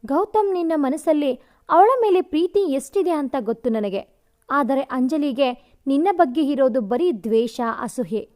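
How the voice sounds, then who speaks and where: A woman's voice: high voice, animated, measured pace, a little mellow. A woman doing a gloating young rival man. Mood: taunting. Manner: taunting, mocking. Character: gloating young male rival, scheming and spiteful.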